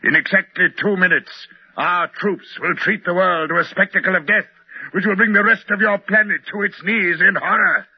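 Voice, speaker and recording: Suave cold martian invader, condescending and gloating, husky voice, old muffled radio show. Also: male voice, lowish voice, expressive, normal speed, no echo. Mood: gloating, grandiose. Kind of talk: mid-century American radio drama acting.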